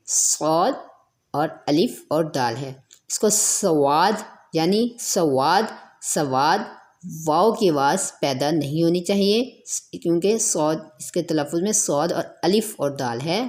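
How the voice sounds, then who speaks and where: A woman teaching Quran recitation, explaining pronunciation slowly and repeating each point, and drawing out letter sounds as models. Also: on the low side, darkish tone.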